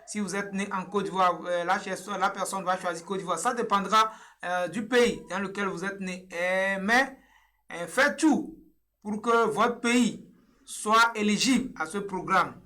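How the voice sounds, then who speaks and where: A man's voice: high-pitched, a little slow, sharp tone. A young man from Togo walking viewers through an online form step by step, patient and repetitive with frequent hesitations, recorded on a webcam in a small room. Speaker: online tutorial presenter. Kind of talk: screen-share tutorial walkthrough.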